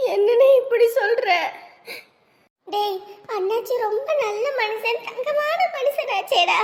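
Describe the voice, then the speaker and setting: Worried scolding mom, super high voice. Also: female voice, creaky, full character voice. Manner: anxious, scolding. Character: fretful middle-aged mother of a family. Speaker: mother.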